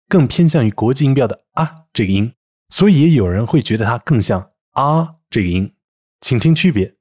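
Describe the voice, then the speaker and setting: A male pronunciation teacher narrates a prepared lesson, explaining each vowel and then reading example words aloud. His voice is a bit husky and his pitch moves up and down a lot. The delivery is clear and methodical. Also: a little mellow. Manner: explanatory, with spoken word examples.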